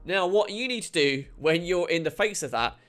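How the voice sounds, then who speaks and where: A man's voice: high voice, animated, normal speed, fairly bright tone. A man giving chatty, wry advice in a casual talk. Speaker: host.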